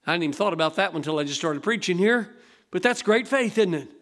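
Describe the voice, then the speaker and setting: A male pastor preaching a sermon in a church, lively and folksy, acting out the voices of people in his stories. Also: high voice, quick pace. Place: church sanctuary.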